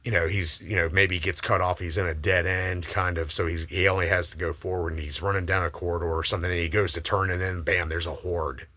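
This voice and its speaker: A man giving a casual, opinionated monologue, eagerly and emphatically pitching a movie idea with some swearing. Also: steady tone, fast, few pauses, pushed and bright, no echo.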